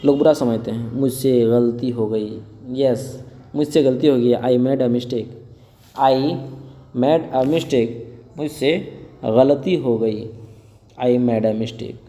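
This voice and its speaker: A man teaching spoken English, saying each phrase slowly twice and then explaining it quickly in Hindi. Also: mid-range voice, dark tone, long reverb tail.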